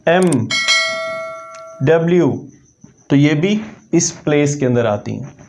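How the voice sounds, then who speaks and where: A man teaching an English language lesson, explaining methodically and repeating example words slowly to demonstrate them. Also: fairly high pitch, animated, background noise.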